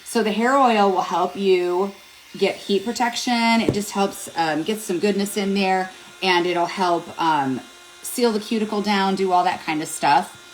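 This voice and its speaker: At a mirror in her home, a middle-aged beauty vlogger chats her way through a hair tutorial, rambling with fillers and joking at her own expense. She speaks at a measured pace in a medium-pitched voice. The audio is poor, with a little hiss or hum.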